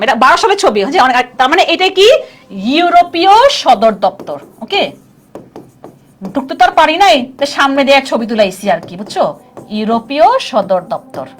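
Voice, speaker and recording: A woman teaches a live online class in a chatty style, constantly quizzing her students. Her voice sits high and sounds fairly bright.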